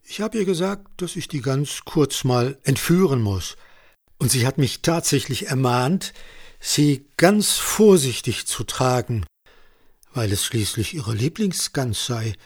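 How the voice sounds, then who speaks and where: A man's voice: medium pitch, sing-song, measured pace, husky, heavily acted. A man voicing a jovial, mischievous farmer in a spoken story. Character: good-humored roguish male farmer.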